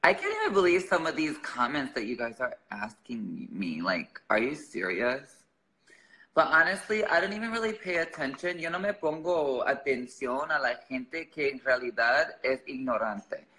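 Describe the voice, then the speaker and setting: On a low-quality recording, a man from Chicago hosts a livestream, speaking to viewers in a casual, sassy, slangy manner and alternating English and Spanish. English is his first language, and his accent is American. His medium-pitched voice is bright and forceful, animated yet measured in pace.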